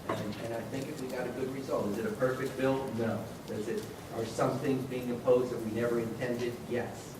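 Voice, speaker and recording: A male legislator talks fast and emphatically, often repeating his opening words. The voice is far from the mic, washed in strong hall echo. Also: medium pitch, level tone. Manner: quick, emphatic, repeats himself. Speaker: legislator on a panel. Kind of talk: panel discussion remarks. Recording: echoey hall, distant mic, noisy.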